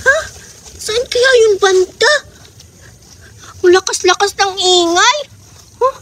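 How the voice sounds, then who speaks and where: A woman doing a squealing, excitable cartoon girl. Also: extremely high pitch, slow, heavily acted. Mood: curious. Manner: excited, exclamatory. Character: excitable young girl Zoraida. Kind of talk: cartoon voice acting.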